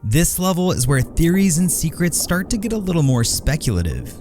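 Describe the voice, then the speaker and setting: A man's voice: fairly high pitch, big pitch swings, brisk, over music. A man giving scripted narration about gaming secrets, informative with a lightly playful touch.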